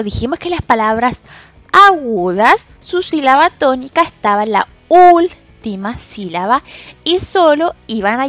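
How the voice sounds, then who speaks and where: Patient woman teaching children, lively voice. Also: a little high, no echo. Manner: slow, patient, stresses syllables loudly and drawn out when giving example words. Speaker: special education teacher. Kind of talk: recorded lesson for children.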